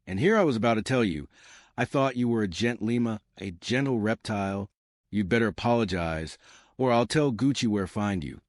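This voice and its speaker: A man's voice: on the low side, expressive, brisk, no room sound, clean studio sound, lightly acted. A man voicing a chirpy, kind young heroine, speaking sweetly and teasingly in a comic read-aloud.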